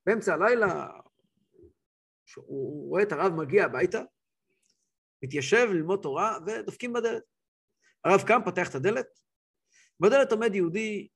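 A man in his thirties, a rabbi telling a story in a weekly religious class with lively voiced quotes. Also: sits high, gravelly, husky. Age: 30s.

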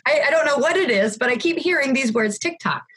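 A woman's voice: high-pitched, expressive, fast talker, fairly bright tone, a little hiss or hum. A woman in her thirties hosting a podcast, chatty and telling stories with a laugh. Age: 30s. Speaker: podcast host. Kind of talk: casual podcast interview.

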